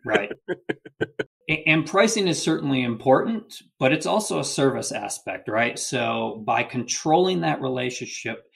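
A man's voice: medium pitch, expressive, unhurried, vocal fry. A man speaking as a logistics executive guest in an interview, explaining steadily and often adding a questioning "right?". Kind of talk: business interview.

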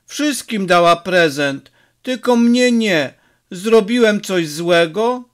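A man's voice: sits high, lively intonation, slow pace, a bit bright, voice pushed up, heavily acted. A man voicing a stubborn, hurt six-year-old boy who pleads and insists, in an audiobook reading. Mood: stubborn, plaintive.

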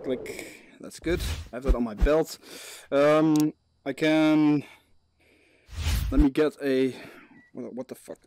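A man's voice: on the high side, steady tone, takes it slowly, warm tone. A man streaming a game with a teammate, swearing and laughing, casual chat.

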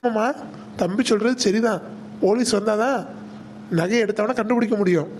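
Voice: mid-range voice, moderate pace, slight background noise, natural voice. An actor voicing a worried elder son in a cartoon skit who comforts his mother and pleads with her. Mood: conciliatory. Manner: plaintive, conciliatory.

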